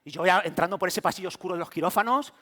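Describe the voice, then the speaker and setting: A middle-aged pastor delivers his sermon in a high, light voice. He tells his story vividly, acting out the voices of the people in it as he goes. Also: rapid-fire, sharp tone. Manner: storytelling preacher who acts out quoted voices.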